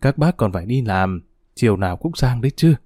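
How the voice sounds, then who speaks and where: A man's voice: medium pitch, expressive, fairly quick, darkish tone, no echo, clean studio sound, natural voice. A man voicing a frail, sick old grandmother who scolds and grieves between coughs. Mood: gentle.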